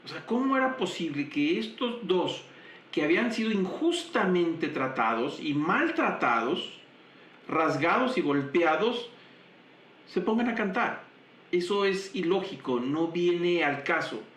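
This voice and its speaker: Male Bible teacher, lively storyteller with rhetorical questions, slightly high-pitched, echoey room. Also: unhurried. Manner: vivid retelling with rhetorical questions. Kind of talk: Bible class lecture. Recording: roomy echo.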